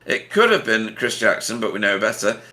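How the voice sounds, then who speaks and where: A man's voice: fairly low pitch, big pitch swings, a little fast, bright, forceful tone. A man commentating on a sim race, chatty and jokey, reading out results with frequent laughs.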